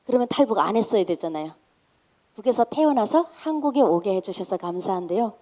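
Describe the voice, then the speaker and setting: A woman's voice: mid-range voice, dark tone. A woman from North Korea with a North Korean accent, speaking to a congregation as a guest giving her testimony. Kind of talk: church testimony, addressing congregation.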